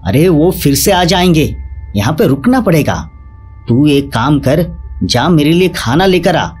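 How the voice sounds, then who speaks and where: A man's voice: medium pitch, very animated, measured pace, a little mellow, slightly rough, faint music behind, heavily acted. A man voicing a grumpy, irritable old male farmer who is the narrator's grandfather. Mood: gruff. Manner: irritable, scolding.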